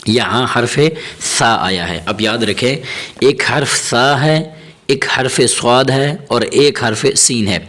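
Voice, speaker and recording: A man teaching Quran reading step by step, slowly drawing out syllables and sounds, then explaining quickly, often repeating and checking that learners follow. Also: mid-range voice, fairly bright tone. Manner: patient, repeats and checks understanding. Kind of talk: step-by-step recitation lesson.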